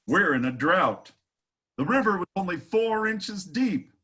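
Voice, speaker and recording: An actor playing a bold, boastful cowboy hero, declaiming in a stage melodrama. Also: male voice, sits high, lively intonation, measured pace, pushed and bright, husky, full character voice. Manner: heroic, declamatory. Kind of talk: hammy stage melodrama acting.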